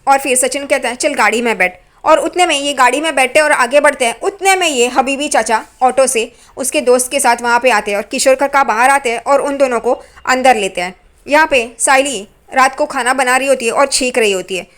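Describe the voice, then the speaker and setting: Woman narrator, high voice, casual running recap with asides. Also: a little fast, a bit bright.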